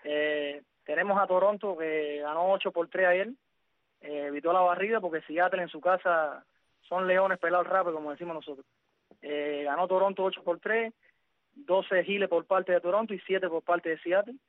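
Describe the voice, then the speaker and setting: High-voiced man reading baseball scores. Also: fairly even intonation, moderate pace, no room sound. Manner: methodical, frequent "eh" fillers. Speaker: sports radio host. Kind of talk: baseball results rundown. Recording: dry, phone-like narrow sound.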